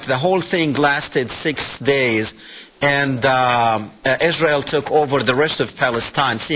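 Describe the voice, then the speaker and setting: Over slightly muffled broadcast audio, a man hosts a live call-in talk show, explaining points and challenging callers with questions. His voice is mid-range, bright and forceful.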